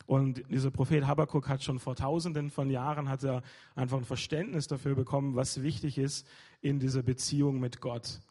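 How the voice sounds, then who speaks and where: Young male preacher, loose informal sermon, hesitant delivery, mellow and a bit husky. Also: medium pitch, level tone, fairly quick. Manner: hesitant, many fillers and restarts.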